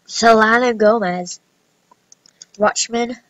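A woman's voice: a little high, steady tone, slow, no room sound, highs cut off. A woman giving casual, playful commentary while playing dress-up games at a computer. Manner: giggly, playful, chatty. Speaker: gameplay vlogger.

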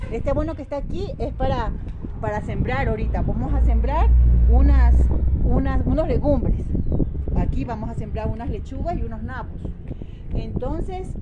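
Filmed on a phone, a home gardening vlogger with an Ecuadorian highland Spanish accent plants vegetables outdoors in a casual how-to video, chatting step by step, repeating herself, and addressing viewers as friends. The audio is dull, with outdoor noise from animals and traffic.

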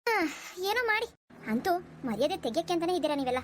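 A haughty middle-aged mother-in-law from a cartoon, played by a woman, scornful and always lecturing. Her voice sits very high and her words tumble out at a rapid clip. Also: very animated, fairly bright tone, a little hiss or hum, heavily acted. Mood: resentful. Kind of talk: cartoon voice acting.

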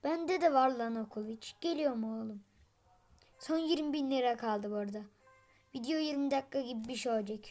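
A woman host giving gameplay commentary, taunting her opponents and breaking into frustrated shouts. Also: brisk, faint music behind. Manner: trash-talking, taunting opponents; bursts into frustrated high shouts. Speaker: gaming channel host.

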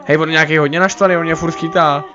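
A young man chatting casually during a game, calmly calling out tactics to a friend. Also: a little high. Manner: relaxed, calls out tactics, says dude a lot. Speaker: gamer. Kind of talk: casual gaming chat. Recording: dull lo-fi mic.

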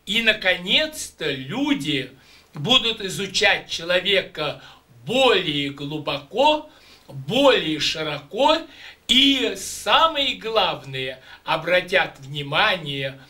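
An older Russian man's high voice is sing-song, bright and forceful as he teaches voice exercises and talks to students. He is emphatic and declamatory, moving slowly and deliberately. A camera microphone at a distance recorded him in a small room with patterned curtains.

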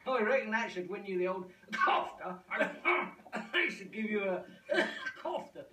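A high, lively voiced older male presenter, chatty and slow, forever choking on coughs mid-word. The sound is roomy and distant, with a faint hum behind it. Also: heavily acted. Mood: jovial. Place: restaurant table.

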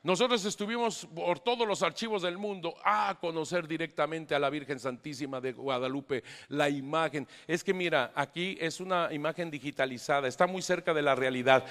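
A middle-aged man, a priest, telling a story to a live audience in an animated, emphatic way with joking asides. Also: on the high side, moderate pace. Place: large hall with an audience. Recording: echoey hall.

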